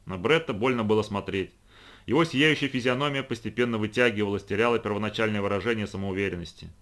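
Мужчина читает аудиокнигу. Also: male voice, lowish voice, quick pace. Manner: lively, expressive reading. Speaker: audiobook reader. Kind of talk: scripted narration.

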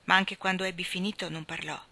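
A woman reading a novel aloud in the first person, with measured, expressive narration. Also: lowish voice. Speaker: reader.

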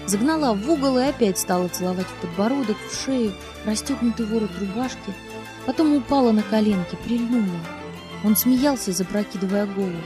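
A woman narrating a novel as an audiobook, in a lively, expressive reading. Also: medium pitch, a little fast, music in the background. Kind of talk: scripted literary narration.

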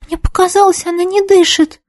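A woman doing a jumpy teenage girl, shrill high voice, easily offended, mellow tone, storybook reading. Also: little pitch movement, fairly quick, no echo, clean studio sound. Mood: indignant.

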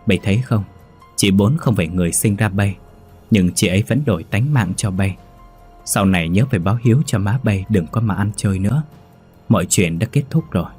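A kindly old village healer gives firm advice in a low, husky voice, as a storyteller voices him. He speaks close and dry. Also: brisk, a little mellow, faint music behind. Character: older village healer, kindly and stern uncle.

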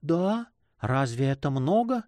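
A man doing a soft, shy young woman in love. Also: a little high, sing-song, a little slow, dry recording, voice pushed up. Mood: tender. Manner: soft, hushed, tender.

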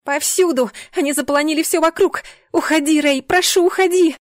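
A woman reading an audiobook, voicing a terrified young sorceress who shouts breathlessly. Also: high voice, fairly quick, no echo, studio quality, voice pushed up, natural voice. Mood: frantic.

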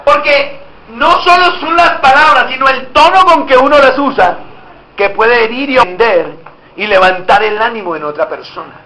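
A man's voice: very high-pitched, normal speed, sharp tone. A man preaching to his congregation, asking them questions and acting out little scenes. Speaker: pastor. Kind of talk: interactive sermon. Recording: echoey church room with faint noise.

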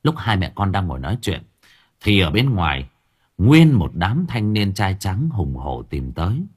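A man narrating an audiobook story in an expressive, dramatic reading style. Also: deep voice, normal speed, breathy edge.

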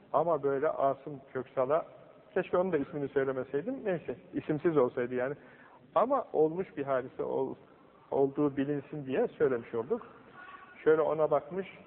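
A man gives a religious talk, acting out the people in his story with raised, lively voices. His voice sits fairly high for a man. The old recording sounds thin and phone-like, with a long hall echo and a faint hiss behind him. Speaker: religious teacher.

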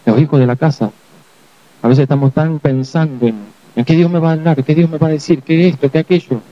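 A man preaching a sermon as pastor, telling the story vividly with quick acted asides. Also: a little high, fairly even intonation, warm tone, highs cut off.

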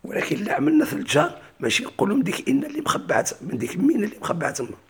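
A man's voice: sits high, huge pitch swings, racing, gravelly, slightly rough. A man with a Moroccan Arabic accent teaching a classical grammar lesson. He keeps asking his class questions and then answering them himself.

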